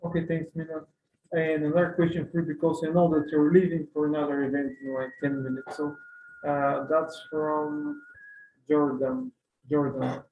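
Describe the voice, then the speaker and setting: A man's voice: fairly high pitch, flat delivery, moderate pace. A man hosting an online webinar in a casual way, reading out questions from the audience. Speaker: webinar host. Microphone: makeshift setup on online call. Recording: hissy, echoey, phone-like call audio.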